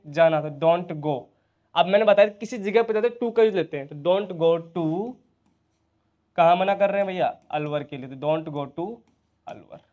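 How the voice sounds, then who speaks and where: Male teacher, Hindi accent, high-ish voice, drills students with repeated questions. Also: a little mellow. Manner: repeats questions to students and answers them himself. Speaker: English teacher. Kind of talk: spoken English lesson in Hindi.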